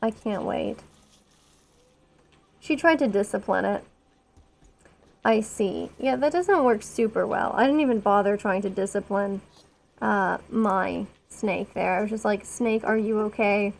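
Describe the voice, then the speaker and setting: A woman's voice: mid-range voice, unhurried, creaky, long pauses. A woman streaming a colony-building game, chatting casually with rambling, self-deprecating asides. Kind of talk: casual gameplay commentary.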